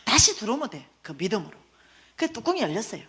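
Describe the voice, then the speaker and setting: A woman, a church lecturer telling stories in an animated sermon. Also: a little high, fast talker. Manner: animated, acts out quoted voices. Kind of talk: lively storytelling sermon lecture.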